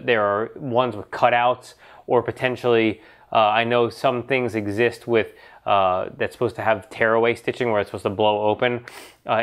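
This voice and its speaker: Male host, mid-pitched, nasal from a lingering cold, casual conversational Q&A delivery with plenty of fillers and restarts. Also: clear, resonant tone. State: nasal from getting over a cold. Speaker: show host answering car questions. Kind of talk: casual talk-show Q&A.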